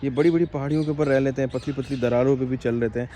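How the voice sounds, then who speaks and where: A man vlogging at an outdoor zoo in a chatty, excitable way, talking to viewers and to the animals. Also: mid-range voice, rapid-fire. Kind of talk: casual vlog narration. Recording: noisy outdoor camera audio. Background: birds and animal calls.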